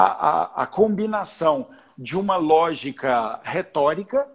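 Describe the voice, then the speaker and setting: A man with a Brazilian Portuguese accent talks through music at length, restarting his sentences as he goes. His voice sits fairly high and sounds husky. Now and then he counts out beats to make a point. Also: darkish tone. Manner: explains at length with many restarts, sings and counts out examples. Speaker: choir conductor guest. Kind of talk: casual chat on a live stream.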